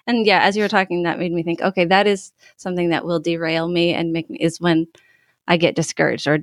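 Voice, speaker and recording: A woman's voice: on the low side, fairly even intonation, quick pace, no echo, studio quality. Candid woman in her thirties, laughs easily. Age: 30s. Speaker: guest. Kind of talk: casual conversational interview.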